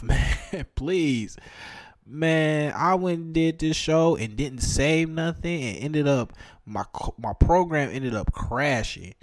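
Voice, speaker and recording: A man's voice: mid-range voice, no room sound. Man, podcast host, tired, rambling, self-mocking, dry close sound. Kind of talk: casual chat.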